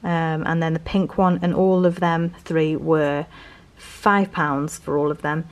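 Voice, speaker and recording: Low-pitched British woman, casual and rambling. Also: steady tone, unhurried. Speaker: reseller vlogger. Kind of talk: casual haul commentary.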